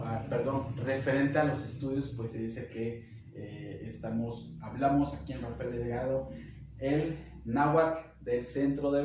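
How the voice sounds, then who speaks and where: A young man with a Mexican Spanish accent, a native Nahuatl speaker, giving a casual language lesson and slowly repeating words for learners. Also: mid-range voice, darkish tone. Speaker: language teacher. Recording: echoey room, heard from a distance.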